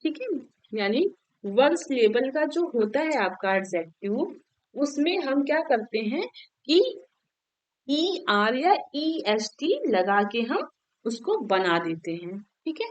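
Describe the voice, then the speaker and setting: A woman's voice: on the high side, very animated, takes it slowly. A woman teacher giving an exam-prep grammar lesson, patiently repeating each point and drilling word forms one by one.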